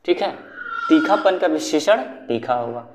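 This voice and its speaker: A man's voice: a little high, expressive, unhurried, a little hiss or hum. A young man teaching a grammar lesson for exam preparation, asking questions and repeating the answers as a drill. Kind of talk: online exam-prep lesson.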